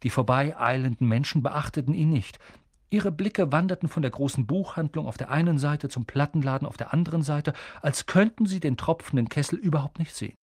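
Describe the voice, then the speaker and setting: A man narrating an audiobook in a lively, storytelling manner, close to the microphone. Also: fairly high pitch, brisk, slightly rough, no echo. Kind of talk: expressive audiobook reading.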